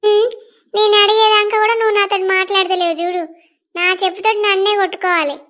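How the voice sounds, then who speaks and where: A woman voicing a jealous young village woman who slowly threatens her rival, with a Telangana Telugu accent. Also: very high-pitched, level tone, fairly bright tone. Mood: sulking. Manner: slow, menacing threats. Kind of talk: cartoon voice acting.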